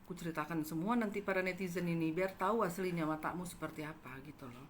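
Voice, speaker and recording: A woman telling a gossipy story to her viewers, animated and dramatic, acting out the quotes. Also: on the low side, fast, a little hiss or hum. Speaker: channel host telling a story.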